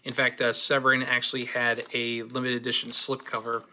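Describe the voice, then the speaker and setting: A man's voice: mid-range voice, completely flat delivery, brisk, sharp tone. A man hosting his own unboxing video, chatting casually with lots of fillers and dry, sarcastic asides.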